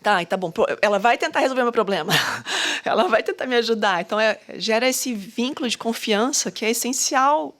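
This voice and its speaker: A woman's voice: on the high side, expressive, fairly quick, fairly bright tone. A woman educator in a casual podcast conversation, talking thoughtfully with many fillers and restarts. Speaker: educator at a school.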